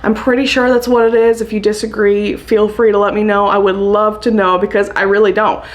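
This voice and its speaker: A woman's voice: medium pitch, little pitch movement, brisk. A young woman vlogging casually about her houseplant chores, chatty and upbeat, laughing often. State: hiccuping. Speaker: plant vlogger. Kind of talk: casual chat to camera.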